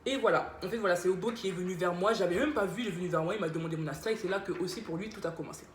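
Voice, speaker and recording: A woman's voice: fairly low pitch, racing, a little hiss or hum. A young woman answering viewer questions in a chatty, playful, self-mocking way. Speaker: YouTuber. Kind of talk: casual Q&A vlog. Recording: echoey room with faint ambience.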